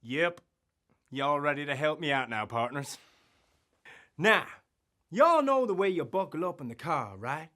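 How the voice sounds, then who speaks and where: Casting: a performer as a goofy kids' cowboy sheriff, put-on drawl, very lively swoops, slow and bright. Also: medium pitch. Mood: hammy cheerful. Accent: put-on American cowboy drawl. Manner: hammy, showy, yelling catchphrases. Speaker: road-safety mascot addressing children. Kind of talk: scripted kids' safety promo.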